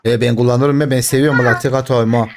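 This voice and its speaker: A man's voice: mid-range voice, fairly even intonation, fast talker, background noise. A man with a regional Turkish accent chatting casually and colloquially during a game, boastful and fond of repeating himself. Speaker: game streamer playing with teammates.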